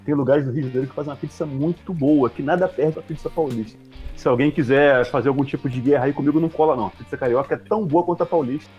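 A man's voice: on the high side, rapid-fire, muffled recording, soft background music. A man hosting a casual interview, playful and teasing. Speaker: interview host.

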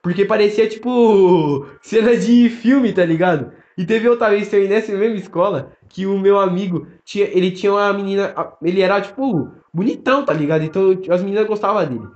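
A young man with a Brazilian accent, telling stories in fast, slangy casual podcast chat full of fillers. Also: high voice, darkish tone. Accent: Brazilian Portuguese. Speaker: podcast co-host. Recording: roomy, dull lo-fi sound.

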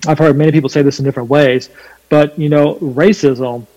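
Southern guy w a bit of twang, kinda high voice, preachy n emphatic, big echoey hall. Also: fairly even intonation, brisk, dark tone, muffled recording. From North Carolina, USA. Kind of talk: earnest preaching-style explanation in conversation. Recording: long hall reverb.

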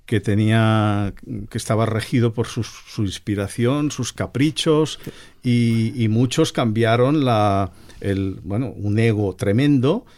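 A man's voice: fairly low pitch, slow, a little mellow. A middle-aged man, a painter and guest on a radio panel, talking hesitantly with many restarts.

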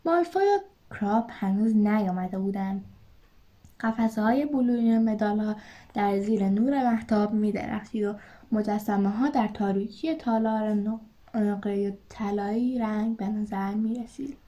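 Mellow woman reading a storybook. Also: medium pitch, lo-fi sound. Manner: measured, expressive reading. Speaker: reader. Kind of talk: storybook narration.

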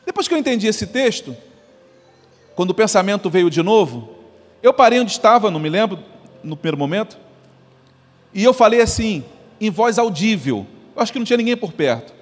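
A man preaching an animated sermon as pastor, acting out voices as he goes. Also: high-pitched, fairly quick, pauses often. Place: church sanctuary. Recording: long church reverb.

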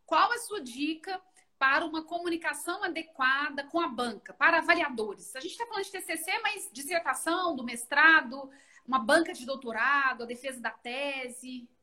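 Host, woman from southern Minas, high voice, friendly long questions, live video chat. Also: lively intonation, moderate pace, pushed and bright. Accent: southern Minas Gerais, close to São Paulo Portuguese. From southern Minas Gerais, Brazil. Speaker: host, law professor. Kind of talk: interview questions. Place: remote live video session.

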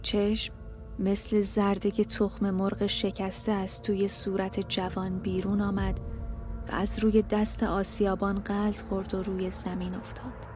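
Flat-voiced woman reading an audiobook. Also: medium pitch, faint music behind. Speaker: audiobook narrator. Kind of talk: scripted audiobook narration.

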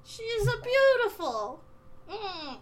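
A woman's voice: extremely high pitch, very animated, slow pace. A woman playing a tabletop role-playing game in character, with a playful, whiny, dramatic drunken manner. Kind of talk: casual in-character table play.

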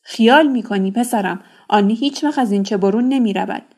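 A woman reading a novel aloud, voicing a calm, fatherly uncle who reassures a boy. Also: a little high. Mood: reassuring.

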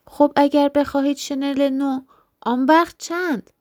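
A woman's voice: sits high, fairly even intonation, dark tone, pitched above the performer's own voice, close to an everyday voice. A woman voicing a timid, poor male clerk who pleads anxiously in a storybook reading. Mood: pleading.

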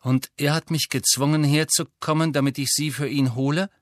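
A man's voice: a little high, steady tone, moderate pace, no room sound, studio quality, natural voice. A man voicing a defiant teenage boy wizard with tense, probing questions in an audiobook reading.

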